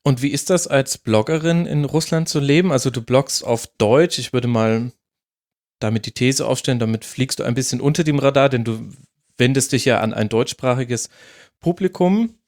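A man with a Franconian accent and a rolled R, hosting a casual podcast interview and asking relaxed questions. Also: medium pitch, normal speed. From Franconia, Germany. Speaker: podcast host.

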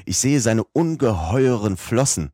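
A man doing an excitable old professor. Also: mid-range voice, measured pace, no room sound, studio quality, pitched above the performer's own voice. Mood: excited. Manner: exclaiming, urgent. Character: excitable elderly male professor, commanding.

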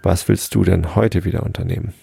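A man voicing a sly, mocking male fox in a bedtime story, taunting in a drawn-out way. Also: deep voice, steady tone, gravelly, warm tone, husky, dry recording, heavily acted.

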